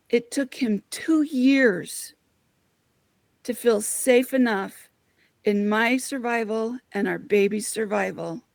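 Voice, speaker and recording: A woman's voice: mid-range voice, vocal fry, no echo. A woman hosting a reflective spiritual talk, speaking in an earnest, heartfelt way and addressing listeners as her friends.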